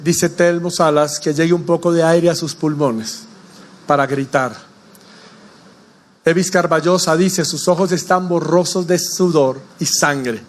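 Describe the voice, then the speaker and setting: A male pastor delivers a sermon in a church. His voice sits high for a man, and he keeps turning to the congregation with questions. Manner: preaching with rhetorical questions to the congregation.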